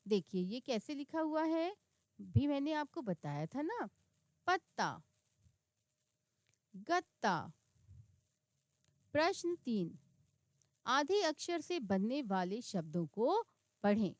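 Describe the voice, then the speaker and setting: A woman teaches young children to read, saying each word slowly and distinctly. Her voice sits high and moves a lot in pitch. The recording is dry and close. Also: sing-song, darkish tone, no echo. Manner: slow and clear, sounding out words one by one. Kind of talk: reading lesson for children.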